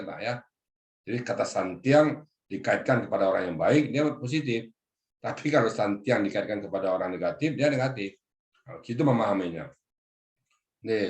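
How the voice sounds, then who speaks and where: Deep-voiced man teaching Quran grammar. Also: echoey room. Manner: explains word by word, addresses listeners as Pak. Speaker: religious teacher. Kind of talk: Quran exegesis lesson to a group. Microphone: video call.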